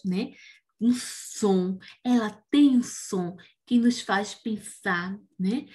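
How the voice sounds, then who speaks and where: A Brazilian woman teaching young children about syllables, slow and patient, often checking in with "né?" and "não é?". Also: a little high, a little mellow. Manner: slow and patient, asks "né?" and "não é?" after most points; says words slowly, syllable by syllable. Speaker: primary school teacher. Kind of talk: remote reading lesson for young children.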